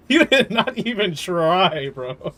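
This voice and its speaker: Slow-paced yet full of big pitch swings, a high, slightly bright male voice talks over soft background music while he plays a game on stream. He rambles in a casual, opinionated, slangy way, amused and incredulous, with some swearing.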